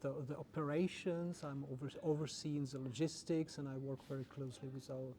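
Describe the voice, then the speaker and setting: An orchestra's general manager who grew up in the Czech Republic haltingly answers interview questions, repeating words many times. He has a steady, mid-range voice, and the background is noisy.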